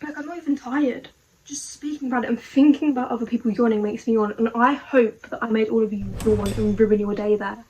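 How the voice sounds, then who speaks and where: A woman's voice: on the high side, fairly even intonation, fairly quick, darkish tone, low-quality recording. A young woman talking to camera in a casual, rambling video diary, puzzled and full of rhetorical questions.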